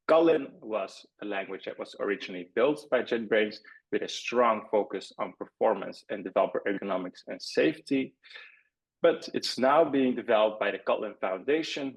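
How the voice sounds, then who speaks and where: A man from Belgium hosts a tech webinar in a measured, welcoming tone. His voice is somewhat low and slightly husky. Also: low-quality recording. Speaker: developer advocate, webinar host. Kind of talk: webinar introduction.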